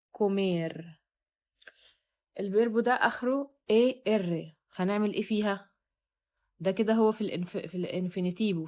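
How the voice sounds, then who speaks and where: A young woman with an Egyptian Arabic accent gives a Spanish lesson for beginners, explaining verb endings in a patient way and repeating each form slowly so learners can follow. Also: mid-range voice, a little mellow. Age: young adult. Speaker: Spanish teacher. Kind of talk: recorded online lesson.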